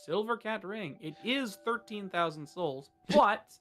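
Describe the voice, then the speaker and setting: A man's voice: high voice, expressive, measured pace, fairly bright tone. Wry, teasing man coaching a gamer. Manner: wry, teasing, explains game mechanics. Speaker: co-host guiding the player. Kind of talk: casual game commentary.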